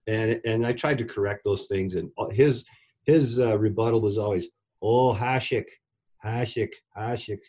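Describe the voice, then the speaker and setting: A man's voice: on the low side, normal speed, a little mellow. A middle-aged man, a former goalie coach, telling stories in a casual interview and repeating words as he restarts sentences. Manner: rambling, repeats words when starting sentences.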